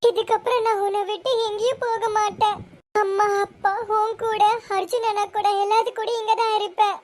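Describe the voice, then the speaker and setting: A woman's voice: extremely high pitch, little pitch movement, fairly quick, a little hiss or hum. A woman voicing an emotional long-lost younger sister and young mother in a fan-made serial drama. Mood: earnest.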